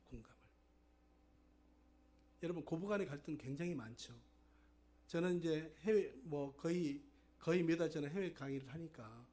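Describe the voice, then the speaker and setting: A man's voice: on the high side, mellow. A middle-aged male pastor preaching a sermon, telling everyday stories and putting rhetorical questions to the congregation.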